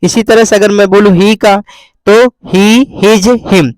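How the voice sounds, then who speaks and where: Male English tutor, high voice, dry close mic, reads each English line slowly and repeats everything. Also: steady tone, no room sound, low-quality recording. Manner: repetitive, asks and answers his own questions. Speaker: English teacher. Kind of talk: newspaper-reading English lesson.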